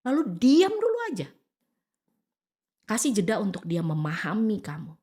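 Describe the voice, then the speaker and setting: An Indonesian woman appears as a podcast guest offering casual advice, speaking animatedly, acting out quoted dialogue and mixing in English phrases. Her voice is medium-pitched and slightly rough, at a normal speed.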